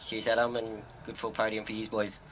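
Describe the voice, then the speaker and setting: A man's voice: fairly low pitch, completely flat delivery, fairly quick, a bit bright, slight background noise, poor audio. An Australian man in a casual post-race interview, talking in laid-back, blokey tradesman slang. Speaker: winning sim racing driver being interviewed.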